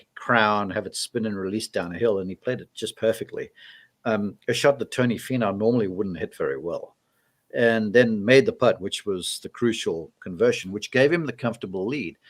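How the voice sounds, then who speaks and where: A man on a golf podcast, telling a long on-course story in casual chat and acting out the quoted exchanges. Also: on the low side.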